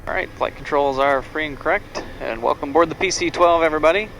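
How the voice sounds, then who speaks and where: A man's voice: fairly high pitch, fast talker. Matter-of-fact male pilot in a cockpit. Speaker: pilot and presenter. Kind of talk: cockpit checklist commentary. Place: aircraft cockpit. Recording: cockpit audio, faint engine noise.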